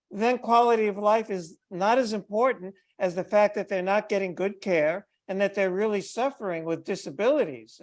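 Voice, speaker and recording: On a video call from a bright indoor room, an older man who advocates for older people with HIV speaks insistently and emphatically during a meeting discussion. His voice sits high, picked up through headphones.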